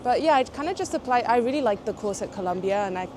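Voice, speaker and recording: A woman's voice: a little high, lively intonation, fast talker. A young woman from Portugal, French by first language, speaking English with a British-tinged accent in a casual street interview, chatty and hesitant with lots of fillers. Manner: chatty, hesitant with frequent fillers and small laughs. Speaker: interviewee, graduate student. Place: outdoors on a city street, traffic behind. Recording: outdoor street noise.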